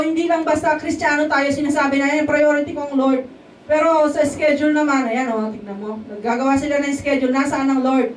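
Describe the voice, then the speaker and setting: Woman lay speaker, high voice, chatty testimony style, often turning to the congregation for agreement, recorded from a distance with faint background noise. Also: roomy sound. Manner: keeps checking in with the congregation. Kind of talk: testimony sermon in a casual, conversational way. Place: church hall at a worship service.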